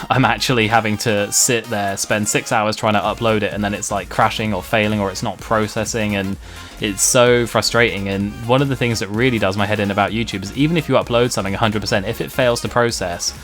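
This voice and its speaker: A man's voice: fairly low pitch, a bit bright. A man with a slightly nasal English Home Counties accent, talking casually and self-deprecatingly in a streamer's vlog. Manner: self-deprecating, mildly sweary. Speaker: video game streamer.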